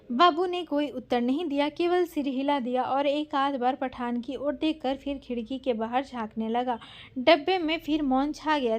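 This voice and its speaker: A woman narrating a literary short story in a measured, expressive reading. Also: sits high.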